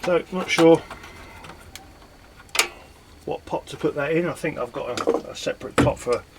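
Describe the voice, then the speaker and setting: A man's voice: fairly high pitch, measured pace, heavy background noise. A man chatting casually and mocking himself as he strips old computer parts for scrap in his garage. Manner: chatty, self-mocking, muttering while working. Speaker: scrapping vlogger. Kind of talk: casual chat while working.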